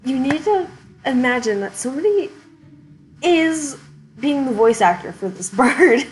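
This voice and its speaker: A woman's voice: sits high, animated, unhurried, slight background noise, rough recording. A woman streamer giving casual let's-play commentary, chatty and giggly, thinking aloud with the hiccups.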